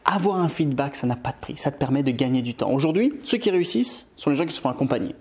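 A man's voice: medium pitch, animated, quick pace, darkish tone. A man from Scotland, an online English teacher, giving an upbeat motivational video lesson and switching between French and English.

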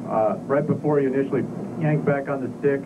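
A man's voice: medium pitch, a little fast. Male instructor on a very noisy tinny intercom. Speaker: centrifuge training instructor. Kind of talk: technical coaching and critique.

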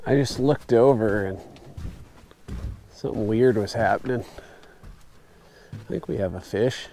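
A young man vlogging while fishing from a river sandbar at night, talking to himself in a relaxed, wry way, recorded outdoors on a camera mic. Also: medium pitch, a little slow, creaky, slight background noise. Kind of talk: casual outdoor vlog narration. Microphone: camera-mounted mic, sometimes off-axis.

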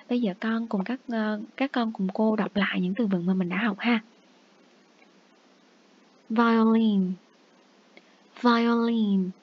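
A woman teacher giving a review lesson to young children. Her voice sits a little high, and she is patient and coaxing as she says each English word slowly and repeats it. The recording sounds muffled and lo-fi. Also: breathy edge.

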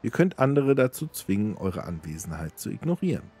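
A man voicing a croaking female goddess of decay disguised as a ragged beggar, in a high put-on woman's voice with a solemn, aloof manner. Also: very animated, a little fast, warm tone, exaggerated voice.

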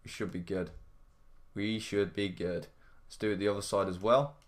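A man hosting a gaming livestream, giving casual running commentary in an excitable way, often repeating his phrases and exclaiming. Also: lowish voice, moderate pace. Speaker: livestream gamer, host. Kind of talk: live gameplay commentary, casual.

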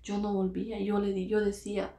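A woman's voice: medium pitch, completely flat delivery, fairly quick, dark tone. Woman telling her own story, earnest, repeats herself a lot, mid voice, echoey room. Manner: earnest, repeats phrases, acts out quoted voices. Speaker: vlogger recounting her own experience. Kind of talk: emotional personal storytelling. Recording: roomy echo.

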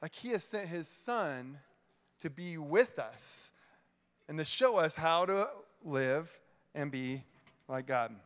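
A middle-aged man giving an energetic, chatty youth sermon full of "like", in a church hall. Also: fairly high pitch, slow pace, smooth. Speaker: youth pastor. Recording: long hall reverb.

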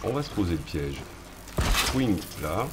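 A man's voice: deep voice, big pitch swings, measured pace, very noisy. A man giving casual let's-play commentary as a streamer, chatty, slangy and joking as he addresses his viewers. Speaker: gaming streamer. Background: game music.

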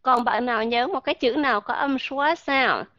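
Bright-voiced woman teaching pronunciation. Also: high-pitched, dry recording, muffled recording. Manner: explains slowly, models English sounds, asks learners questions. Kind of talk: online pronunciation class.

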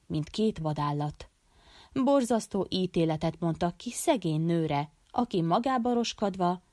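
Woman audiobook narrator, low-pitched, calm measured delivery, dry booth sound. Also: dry recording. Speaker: audiobook reader.

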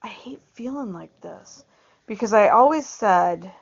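Gravelly-voiced woman rambling slowly. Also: mid-range voice, lively intonation. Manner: chatty, meandering, laughs often, repeats words. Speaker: vlogger. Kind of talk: casual rambling monologue. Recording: dull lo-fi recording.

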